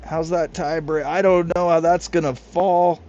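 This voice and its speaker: A man calls the action in a casual, excitable play-by-play style, breaking off for chatty asides to his co-hosts. He takes his time with each phrase. The recording is a little muffled, with music playing clearly underneath. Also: fairly high pitch, a little slow. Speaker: league commentator.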